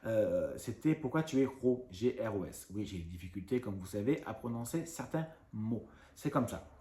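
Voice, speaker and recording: A man in his thirties from France, a YouTuber ranting casually and talking fast, rambling with many fillers. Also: lowish voice, a little mellow, echoey room. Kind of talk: casual vlog rant.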